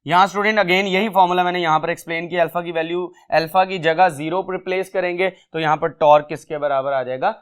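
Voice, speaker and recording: A man's voice: a little high, steady tone, fast, few pauses, clean tone. A man teaching a physics entry test lecture, who asks the students questions and then answers them himself.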